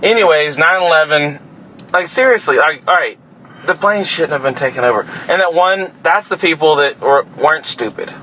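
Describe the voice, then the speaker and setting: Bright-voiced man in crude podcast banter. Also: fairly high pitch, expressive, moderate pace, slight background noise, poor audio. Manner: laid-back, swearing, trailing off mid-sentence. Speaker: podcast co-host.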